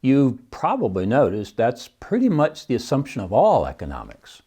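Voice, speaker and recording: A man's voice: mid-range voice, wildly swooping pitch, normal speed, mellow, slightly rough. A middle-aged man hosting a solo podcast, wry and scoffing, often laughing at his own points. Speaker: podcast host and economics teacher.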